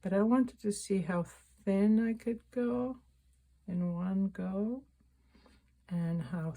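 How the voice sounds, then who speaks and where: A woman giving a casual, unscripted painting tutorial, thinking aloud in a halting way and often rephrasing mid-sentence. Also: medium pitch, dark tone. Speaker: painting instructor and vlogger.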